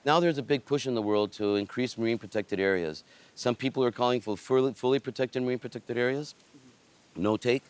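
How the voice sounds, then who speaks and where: A man speaking unscripted in an interview, conversationally, pausing to search for words as he explains. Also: medium pitch, smooth. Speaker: marine conservation interviewee.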